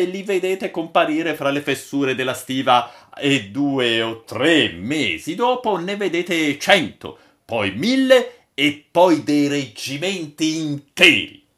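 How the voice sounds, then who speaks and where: A man voicing a gruff old ship's boatswain who spins yarns, booming and mock-stern, in an audiobook. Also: pushed and bright, full character voice. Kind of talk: audiobook character voice.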